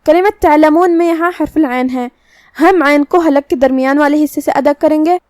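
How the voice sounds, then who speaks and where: A woman teaching Quran recitation, explaining the pronunciation of each letter slowly and carefully. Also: high voice, darkish tone, no echo. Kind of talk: Quran recitation lesson in Urdu.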